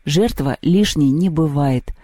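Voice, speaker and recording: A man's voice: sits high, fairly quick, mellow, no room sound. A man doing a dim, eager young guard. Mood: blustering. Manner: blustering, dutiful.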